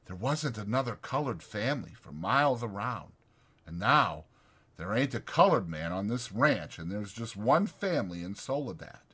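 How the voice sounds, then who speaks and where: In a dramatized audiobook, a man voices a lonely, bitter stable hand who needles others. His voice sits on the low side at a normal speed, with a breathy edge and an exaggerated quality. The talk is folksy, insistent and taunting, and he gets drawn into excited speeches.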